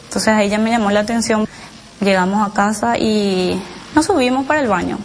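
A mother recounting her child's experience in halting, emotional personal testimony, with many restarts and tag questions. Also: mid-range voice, a little hiss or hum, low-quality recording.

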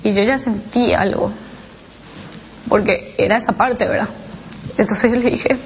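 A mother recounting her child's experience in halting, emotional personal testimony, with many restarts and tag questions. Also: mid-range voice, fairly even intonation, a little hiss or hum, rough recording.

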